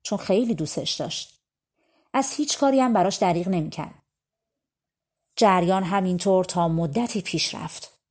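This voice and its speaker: Woman, audiobook reader, calm colloquial storytelling, mellow warm tone. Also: fairly low pitch, pauses often, husky. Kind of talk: storybook narration.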